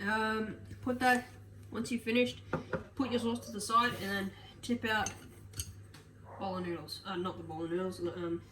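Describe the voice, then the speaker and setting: A woman with a nasal, slightly high and somewhat bright voice chats casually through a get-ready-with-me vlog, rambling with many fillers and self-corrections as she moves around her home kitchen and rooms. She's far from the mic, and the echoey room picks up household noise.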